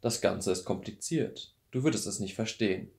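Guy doing a weary old teacher, calm and tired, storybook voice. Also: on the low side, normal speed, gravelly. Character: weary older male mentor, calm and regretful.

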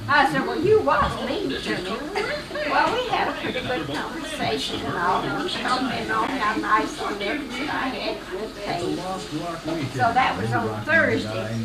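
A woman's voice: fairly high pitch, animated, unhurried, a loud crowd. A woman, chattily telling a family story and acting out who said what, heard on an old VHS home-video tape. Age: 80s. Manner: chatty, retells dialogue with "I said, he said". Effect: old VHS home-video tape sound. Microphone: camcorder microphone across the room. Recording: echoey old VHS tape, voice far from camera, loud music behind.

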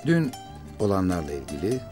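In a TV drama scene shot on an office set, an actor in his forties plays a composed, wealthy businessman, the protective older brother in a rich family. His deep, very animated voice plays over music as he calmly and persuasively talks his half-sister into taking a short break from the press.

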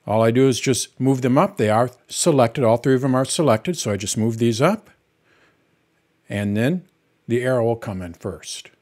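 A middle-aged man hosts a software tutorial, patiently and plainly walking through each step as he works on screen. His voice sits in the mid range, with lively intonation at a normal speed.

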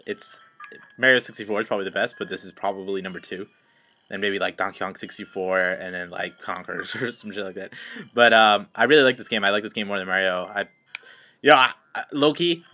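A man's voice: fairly low pitch, pushed and bright. A young man hosting a casual let's play, full of slang, fillers and laughs. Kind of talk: casual gaming commentary.

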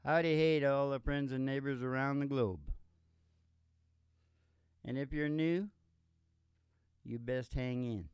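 Hosting live from a small curtained indoor stage, a country singer in his sixties uses a medium-pitched, slightly mellow voice that's clear and resonant, speaking at a measured pace with frequent pauses. His folksy comic patter is playful, theatrical and rambling, delivered into a stand mic with acoustic guitar behind, and the sound is studio quality with no room sound.

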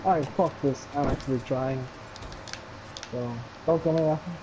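A man's voice: on the high side, normal speed, noisy background. A man playing a shooter game with a friend, frustrated and swearing often. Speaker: gamer. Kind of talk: casual game chat.

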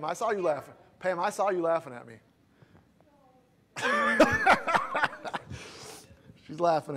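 A male pastor, preaching in a casual, folksy storytelling way and slowing down to read scripture aloud. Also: a little high, fairly bright tone. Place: church sanctuary.

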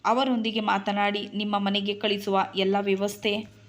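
A woman's voice: medium pitch, flat delivery, moderate pace, lightly acted. A woman reading as a kind protective young man. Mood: reassuring. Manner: reassuring, gentle.

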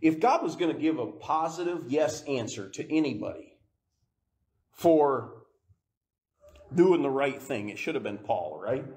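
A male pastor preaching a sermon, who laughs often and moves from quiet, low stretches up to rising, emphatic climaxes. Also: expressive, a little slow, pauses often.

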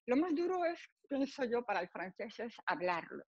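A woman's voice: a little high, normal speed, no echo, highs cut off. A woman from Spain with a Spanish accent, a radio presenter and Spanish teacher, chatting as an interview guest and acting out the people in her stories. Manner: animated storyteller, acts out dialogue, laughs often. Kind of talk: casual interview chat.

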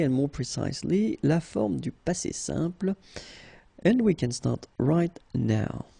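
A man's voice: a little high, gravelly, mellow, breathy edge, no room sound. A man with a French accent teaching a language lesson, patiently drilling each verb form aloud. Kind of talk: slow, repetitive language lesson.

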